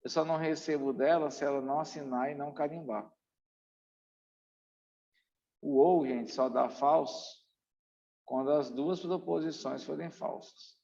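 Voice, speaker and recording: In this exam-prep lecture, a Brazilian teacher with a slightly high voice, vocal fry and a dark tone hammers home the main points, repeating them in an emphatic, instructive way. He has a Brazilian Portuguese accent, and the recording is muffled and dull with lingering room echo.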